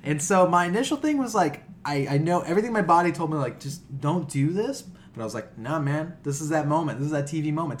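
An American podcast co-host with a fairly high-pitched voice tells animated, comedic stories in casual chat, swearing plenty along the way. There's slight background noise.

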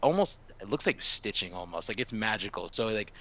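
Lively, swearing man telling stories. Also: lowish voice, brisk. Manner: animated storyteller, swears freely. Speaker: podcast co-host. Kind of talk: casual podcast chat. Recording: dull lo-fi audio.

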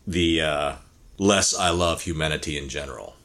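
Deep-voiced blunt man rambling. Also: a bit bright. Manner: rambling, blunt and profane, many restarts; speaks rapidly by his own account. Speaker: podcast co-host. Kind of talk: casual chat.

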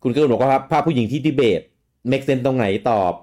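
A man's voice: medium pitch, steady tone, brisk, dark tone. A man co-hosting a casual gaming chat, reading out listener comments and laughing often. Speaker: podcast co-host.

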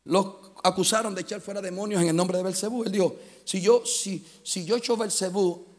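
A middle-aged man preaching a fervent sermon, telling stories and moving between loud and hushed passages. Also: sits high. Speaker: pastor.

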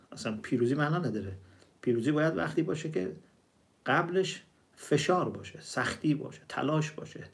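A man giving a religious storytelling sermon, explaining word meanings and reciting verses slowly. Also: medium pitch. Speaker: preacher.

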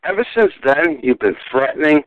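A man's voice: on the high side, animated, normal speed. Furious man in his forties over a phone line. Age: 40s. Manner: furious, swearing, repeating himself. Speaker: call recipient. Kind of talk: heated phone argument.

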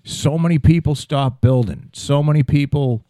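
A man's voice: a little high, normal speed, mellow, no room sound, clean studio sound. A man in his fifties co-hosting a podcast in casual chat, rambling and swearing as he goes. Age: 50s. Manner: profane, rambling, trailing off. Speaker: podcast co-host.

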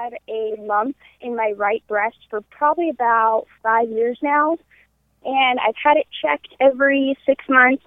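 In a casual interview, a podcast guest in her twenties talks upbeat and candid from her parents' house. She's heard through a tinny conference call phone line, with a voice on the high side and a dry recording.

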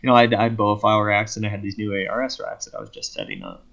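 A man's voice: fairly low pitch, rapid-fire, creaky, dull audio. A man speaking as a podcast guest, telling a long story casually and acting out both sides of each conversation. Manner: animated retelling that acts out both sides of conversations.

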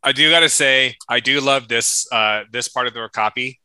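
A man's voice: medium pitch, moderate pace, sharp tone, clear, resonant tone, no echo. A man chatting casually with friends as co-host of a tasting show, rambling along with slang and swearing. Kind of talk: casual chat among friends.

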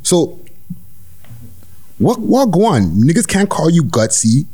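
Lively Toronto man in casual chat. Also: a little high, slow. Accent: Toronto urban slang accent. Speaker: podcast co-host. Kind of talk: casual questioning podcast chat.

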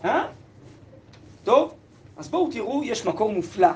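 A man with a very high, lively voice leads a text-study lesson. He reads from the sources, turns them into plain speech and keeps asking the class questions. He sounds roomy and echoey, as if in a classroom. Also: slight background noise. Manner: asks the class questions, translates Aramaic aloud. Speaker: teacher.

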